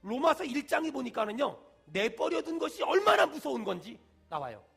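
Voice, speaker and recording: Male pastor, sermon, emphatic, rising to shouts, very high voice, animated pitch. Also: moderate pace, vocal fry, faint music behind. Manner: emphatic call-and-response preaching, shouting at peaks. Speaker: senior pastor.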